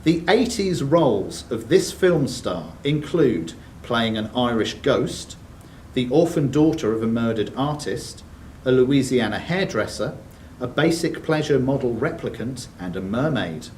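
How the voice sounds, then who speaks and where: Reading out scripted quiz questions in a sports and social club room, a man fills the gaps with brief banter. His mid-range voice has a darkish tone and lively intonation, and he keeps a measured pace. A distant room mic captures him with faint background noise.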